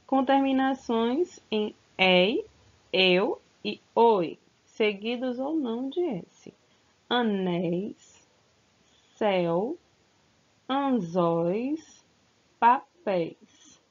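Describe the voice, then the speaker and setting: Slow, patient woman teacher. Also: fairly high pitch, expressive. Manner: slow, stretched-out words, coaxing pupils with questions. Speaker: school teacher. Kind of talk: recorded online grammar lesson for children. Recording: slightly dull, lo-fi sound.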